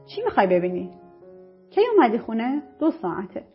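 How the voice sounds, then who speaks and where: A woman voicing a bossy, quick-tempered middle-aged mother who scolds and gives orders. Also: a little high, big pitch swings, soft background music. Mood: scolding. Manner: scolding, commanding. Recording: muffled lo-fi recording.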